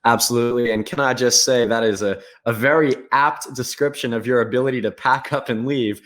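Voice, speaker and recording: A man leads an interview over a call, asking long, polite questions at a measured pace. He fills small gaps with "uh". His voice sits at an ordinary middle pitch. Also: steady tone, fairly bright tone.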